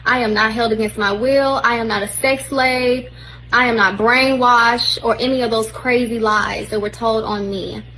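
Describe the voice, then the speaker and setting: Calm woman in her twenties, slightly high. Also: normal speed, a little hiss or hum, rough recording. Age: 20s. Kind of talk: self-recorded video statement.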